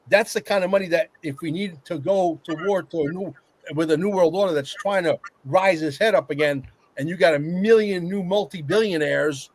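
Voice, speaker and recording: High voiced guy on a roundtable chat, opinionated n blunt, repeats stuff for emphasis. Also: poor audio. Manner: emphatic, repetitive, coarse-tongued. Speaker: roundtable panelist. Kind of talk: animated opinionated discussion.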